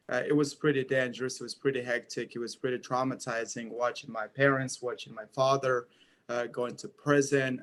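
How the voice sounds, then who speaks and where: Young man from Afghanistan, interview guest, hesitant, lots of uh, mid pitch. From Eastern Afghanistan. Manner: hesitant, many uh fillers and repeats. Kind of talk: interview answers.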